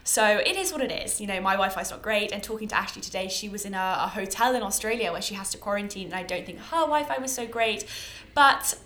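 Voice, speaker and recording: A woman's voice: mid-range voice, expressive, fast talker, few pauses, a bit bright. A British woman in her early twenties hosting a chatty podcast in an effusive, self-deprecating way, recorded at home under a towel. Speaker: podcast host. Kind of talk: chatty, informal podcast monologue. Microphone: own bought podcast microphone. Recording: echoey homemade podcast recording.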